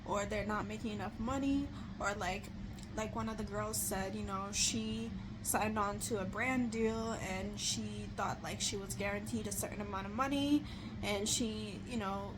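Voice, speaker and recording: A woman's voice: mid-range voice, moderate pace, noisy background. A woman chatting casually as a vlogger, rambling with lots of filler words, who pronounces her R sounds like W. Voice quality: speech impediment on R sounds, says w for r. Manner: rambling, filler-heavy with "like" and "you know".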